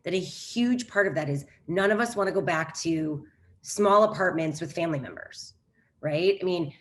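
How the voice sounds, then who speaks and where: A woman giving a casual webinar talk as a psychologist, chatty and animated, full of quick asides and rhetorical questions, speaking into a computer mic on a video call. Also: lowish voice. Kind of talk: informal webinar presentation.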